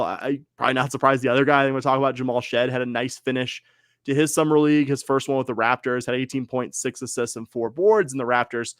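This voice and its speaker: This man co-hosts a laid-back sports podcast, talking in a rambling way with frequent fillers and corrections of himself. His voice is mid-range, and the close, dry recording carries no echo.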